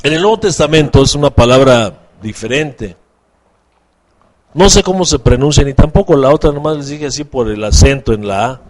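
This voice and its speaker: A man's voice: medium pitch, lively intonation, normal speed, darkish tone. A man preaching a sermon as pastor, asking the congregation questions and acting out quoted voices.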